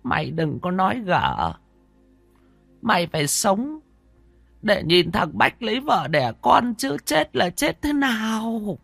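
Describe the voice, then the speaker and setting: A man raises his voice into a sobbing old grandmother in a spoken horror story, scolding through tears in a high, lively, swooping voice. The recording is dry and close, with faint music underneath. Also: takes it slowly, vocal fry, no echo, exaggerated voice. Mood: anguished. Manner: scolding, tearful, high-pitched. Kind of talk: audiobook character voice.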